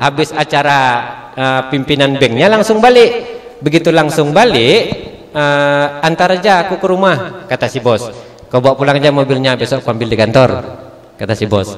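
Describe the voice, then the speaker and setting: Animated preacher in an echoey hall. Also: male voice, fairly high pitch. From Aceh, Indonesia. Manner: animated storyteller, acts out characters, laughs often. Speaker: religious teacher. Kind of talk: religious Q&A lecture with humorous storytelling. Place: village prayer hall. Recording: echoey hall with long reverb.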